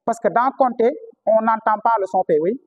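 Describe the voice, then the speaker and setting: A man's voice: high-pitched, normal speed, a little mellow, lo-fi sound. A man with a Senegalese French accent teaching historical phonetics to a class, often repeating key words and asking rhetorical questions. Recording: reverberant classroom.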